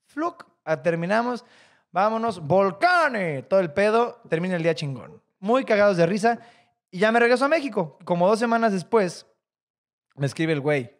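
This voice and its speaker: A man with a Mexican accent, co-hosting a podcast, telling a story in an animated, slangy way and acting out the voices of the people in it. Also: high voice, normal speed. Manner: animated, slangy, acts out quoted dialogue. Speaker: podcast co-host. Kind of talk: casual storytelling chat.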